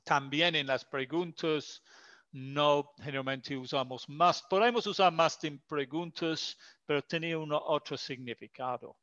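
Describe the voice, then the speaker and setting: A man's voice: fairly high pitch, a little slow, a bit bright, no echo, muffled recording. A man teaching English in an online lesson, explaining patiently in Spanish with English example phrases, his first language being English.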